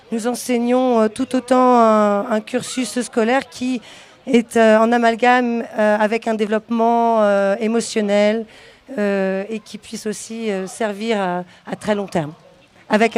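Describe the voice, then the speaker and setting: A woman who founded an outdoor school gives a radio interview at an outdoor event, moving between English and French. Her voice is on the high side and a little mellow, and she talks fluently despite many fillers and restarts.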